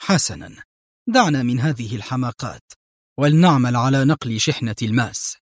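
A self-assured male secret agent talks with quiet mockery, as a man reads him. The tone is husky and the sound is dry and close. It comes from an audiobook thriller. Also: medium pitch, lively intonation, brisk, no room sound, lightly acted. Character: sardonic male secret agent, calm and confident. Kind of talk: audiobook narration.

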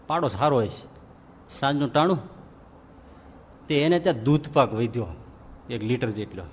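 A man giving a scripture discourse as a swami, telling a humorous parable and acting out its characters with rising excitement. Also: mid-range voice, normal speed, slightly rough, in a large hall.

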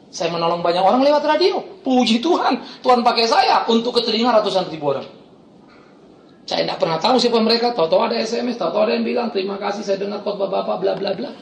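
Middle-aged pastor preaching, voice jumping all over, bouncing around an echoey church hall. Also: male voice, extremely high pitch, quick pace. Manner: animated, swings between loud exclamations and quiet asides, laughs often. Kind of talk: sermon.

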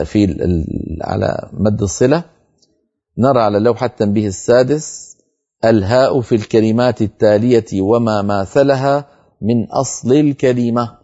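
A man teaching Quran recitation on a televised lesson, explaining rules and then chanting verses slowly and drawn out. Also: mid-range voice, mellow, breathy edge, highs cut off.

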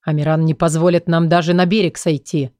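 A gruff, hot-tempered father who guards his daughter fiercely, as a woman narrator puts him on. His voice is pitched low and dark, and it sits in a dry, close audiobook recording. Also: little pitch movement, a little fast, no room sound, lightly acted. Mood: furious. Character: stern protective middle-aged father, quick-tempered. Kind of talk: audiobook character voice.

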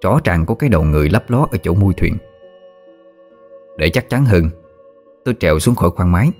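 A man narrating a first-person ghost story in a steady, measured way. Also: sits low. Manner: steady, measured telling that turns frantic in quoted outbursts. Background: faint music.

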